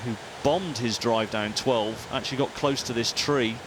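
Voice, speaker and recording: A man giving golf commentary as an expert former player, measured and sympathetic as he analyses each shot. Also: mid-range voice, background noise.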